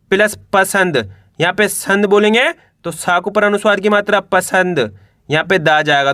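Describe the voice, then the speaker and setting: A man's voice: high voice, bright, forceful tone, dry recording, clean studio sound. A man teaching a reading lesson, sounding out words syllable by syllable and quizzing the viewer.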